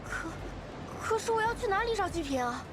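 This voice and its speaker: A timid, gentle young woman speaks softly and anxiously, her high voice rising and falling. Loud game music plays under her in this story game. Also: lively intonation, brisk. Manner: soft and anxious. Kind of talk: game voice acting.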